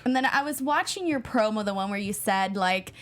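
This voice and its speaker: A woman's voice: mid-range voice, lively intonation, brisk. A woman co-hosting a podcast, asking curious, chatty interview questions. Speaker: podcast co-host.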